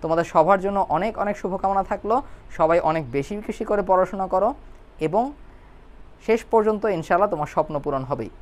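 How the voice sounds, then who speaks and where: A young man teaching an online biology class, breaking hard terms into slow syllables and often checking that students follow. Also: high voice.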